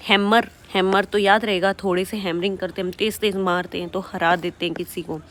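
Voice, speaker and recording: A woman teaching English vocabulary in Hindi for exam preparation. She explains patiently, often checks in with "right?", and reads the example sentences in an Indian English accent, slowly and carefully. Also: mid-range voice, flat delivery, a little hiss or hum. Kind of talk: online exam-prep lesson.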